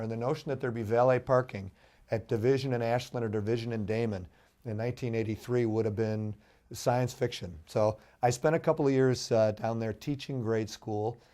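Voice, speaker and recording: Hoarse middle-aged man, mellow tone. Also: medium pitch. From Chicago, USA. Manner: earnest, anecdotal, measured with fillers. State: hoarse from a cold. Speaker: judicial candidate. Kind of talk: interview guest.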